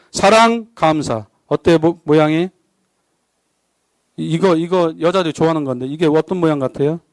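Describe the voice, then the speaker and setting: A man's voice: fairly high pitch, no echo. A man preaching a sermon as a guest pastor at a church service, joking and keeping the congregation involved with constant questions. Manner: lively, jokey, keeps asking the congregation questions.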